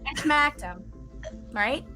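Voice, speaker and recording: A woman's voice: high-pitched, expressive, slow pace, bright, forceful tone, soft background music. A woman chatting casually as a player in a tabletop game. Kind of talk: casual in-character chat.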